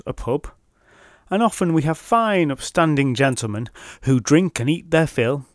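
A man voicing a hearty innkeeper woman who talks brightly and hospitably with a lifted pitch. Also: dry recording, studio quality, natural voice. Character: hearty middle-aged woman innkeeper, fond of drink.

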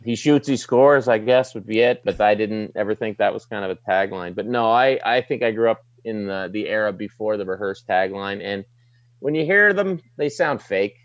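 A middle-aged man with a fairly low voice and a light Maritime Canadian twang talks casually, like a broadcaster off duty. He is plain-spoken and slangy, in a dry, slightly dull recording. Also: normal speed, a bit bright, dry recording. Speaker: sports broadcaster, desk anchor. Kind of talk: casual interview chat.

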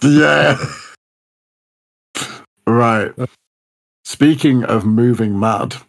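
A man's voice: mid-range voice, very slow, creaky. A young man, bantering casually about music in a laid-back, slangy way.

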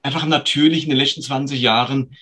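A male interviewer fires off probing questions at a quick clip. His voice is bright and forceful with a husky edge, sitting a little high. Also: fairly even intonation.

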